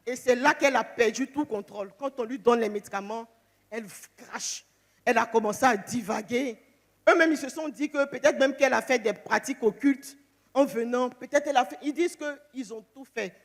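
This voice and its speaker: A woman giving an emotional church testimony, animated, acting out the phone calls she tells about. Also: a little high, a little fast, in a large hall.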